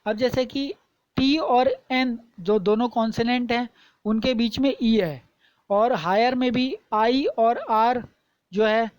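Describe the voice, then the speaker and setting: A woman teaching a lesson, explaining terms patiently, repeating points and reading examples slowly and deliberately. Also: fairly high pitch, a little mellow, no echo, poor audio.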